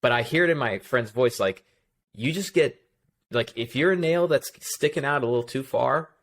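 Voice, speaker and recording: Halting man hosting a podcast. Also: mid-range voice, a bit bright. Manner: halting, repeats words, restarts sentences. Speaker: podcast host. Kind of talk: casual interview chat.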